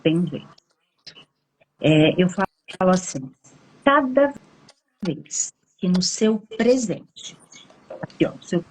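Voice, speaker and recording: A Brazilian woman psychologist explaining on a live stream, acting out inner thoughts with drawn-out, expressive emphasis. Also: mid-range voice, a little hiss or hum. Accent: Brazilian Portuguese.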